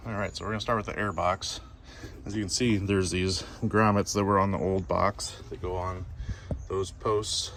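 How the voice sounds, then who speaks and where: A man with a low, easygoing voice talks through a car install as he works on it. He explains each step plainly and casually. Faint outdoor ambience sits behind him. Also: normal speed, slight background noise. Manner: relaxed, explains step by step while working. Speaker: car DIY vlogger. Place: outdoors by a car engine bay.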